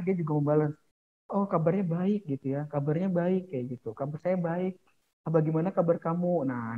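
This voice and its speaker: A male teacher explaining a lesson to his class in a casual way, full of fillers and little asides, sometimes acting out short quoted lines. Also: a little high. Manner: casual, many fillers and "gitu ya". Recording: tinny phone-like sound.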